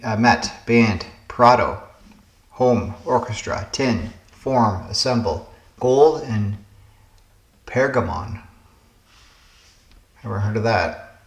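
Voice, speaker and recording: A man's voice: medium pitch, fairly bright tone, reverberant. A man hosting a puzzle game channel, casually thinking aloud through word puzzles, musing and hesitating as he guesses.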